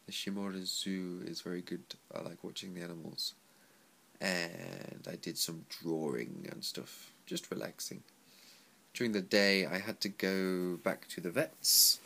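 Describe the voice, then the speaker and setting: In a small indoor room with sliding paper screens, a young adult man speaks into a close laptop webcam for a video diary. He's an English teacher vlogger whose voice is stuffy and lowered by a cold, and he rambles in a relaxed way with frequent ums.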